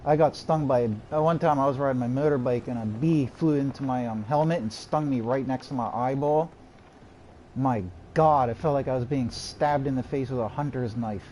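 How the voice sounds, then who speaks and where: A man with a mid-range voice gives live commentary on a game he is streaming. He mutters to himself and drifts into rambling anecdotes. Game sounds and background noise sit clearly behind him. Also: mid-range voice, normal speed, dark tone, poor audio. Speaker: gaming streamer.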